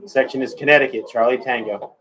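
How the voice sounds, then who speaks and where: A man's voice: medium pitch, steady tone, quick pace, a bit bright. A man working as an amateur radio contest operator, calling in clipped, repetitive procedural phrases with phonetic alphabet. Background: other radio operators talking.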